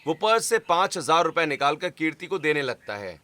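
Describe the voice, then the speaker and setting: A man narrating a cartoon story in a steady, scripted way. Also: on the high side, a little fast, slight background noise.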